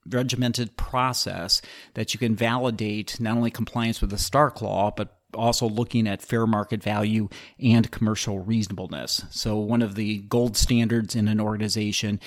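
Lower-voiced man explaining law methodically. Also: steady tone, moderate pace. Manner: methodical, explanatory, occasional restarts. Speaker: podcast host, healthcare attorney. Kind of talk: solo podcast explainer.

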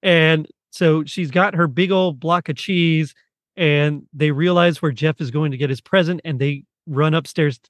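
A man talking as a podcast guest in a casual chat, chatty and quick to laugh. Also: fairly high pitch, fairly even intonation, no room sound.

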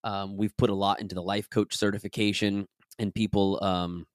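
Raspy-voiced man hosting a podcast. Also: fairly low pitch, level tone, normal speed, no room sound, studio quality. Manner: upbeat and enthusiastic; chatty and rambling. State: raspy, recovering from being sick. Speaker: podcast host and business coach. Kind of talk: casual podcast talk and reading from his own book.

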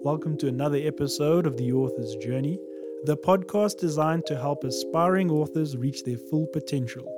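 A man's voice: on the high side, moderate pace, music in the background. A man hosting a writing podcast, reading a script with playful, jokey asides. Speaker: podcast host.

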